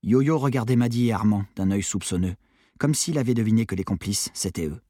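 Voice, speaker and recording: A man narrating a novel in a low, quiet storytelling tone. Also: brisk, no echo, studio quality. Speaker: audiobook narrator. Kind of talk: scripted narration.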